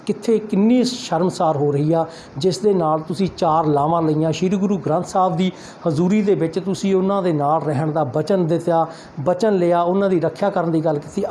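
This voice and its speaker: Male reporter, mellow dark tone, halting delivery, light noise behind. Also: sits high. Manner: hesitant, many fillers and restarts. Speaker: news reporter. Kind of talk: news interview with commentary.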